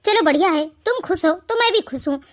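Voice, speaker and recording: A soft-spoken young husband in an animated family cartoon, voiced by a performer. His very high voice stays gentle and placating as he soothes his wife. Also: fast talker. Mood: soothing.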